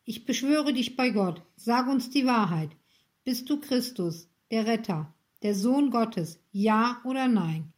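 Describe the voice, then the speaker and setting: A woman reading the part of a stern, demanding male high priest in a storybook. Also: lively intonation, slow pace, a little mellow. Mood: solemn.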